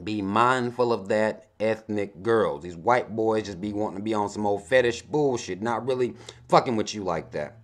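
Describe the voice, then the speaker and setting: A man's voice: lowish voice, moderate pace. A man in his thirties hosting a casual advice vlog, reading viewer emails aloud and adding blunt, laid-back commentary with a lot of swearing. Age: 30s. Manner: adds commentary between lines he reads out. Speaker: advice vlogger.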